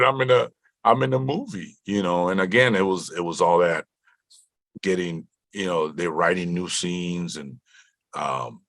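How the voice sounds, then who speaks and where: Man from Compton, deep voice, dry close recording; animated storyteller who acts out dialogue. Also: slightly rough, dry recording. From Compton, California (born in Mexico). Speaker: actor telling his career story. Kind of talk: casual storytelling interview.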